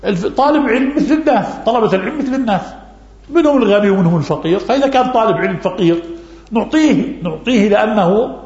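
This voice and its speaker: A man's voice: sits high, lively intonation, fast talker, darkish tone. A man, an Islamic scholar, answering religious questions in a lesson and repeating key phrases for emphasis. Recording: echoey, dull lo-fi recording.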